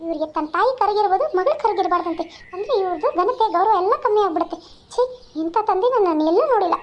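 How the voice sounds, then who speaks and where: A woman's voice: very high voice, quick pace. A woman voicing a caring village mother in a cartoon, who pleads and protests on her daughter's behalf. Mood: indignant. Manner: pleading, indignant. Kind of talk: cartoon voice acting. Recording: slightly dull lo-fi sound.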